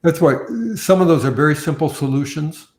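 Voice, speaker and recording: A man who has just finished a presentation, talking on a video call with animated, emphatic bursts. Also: a little high, a little fast. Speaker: presenter taking questions. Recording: echoey room.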